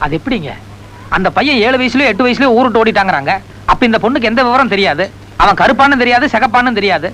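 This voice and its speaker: An actor playing a newcomer to the village who questions the locals briskly, in a film scene. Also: male voice, very high voice, animated, sharp tone, slight background noise, heavily acted, poor audio. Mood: curious. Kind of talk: Tamil film acting.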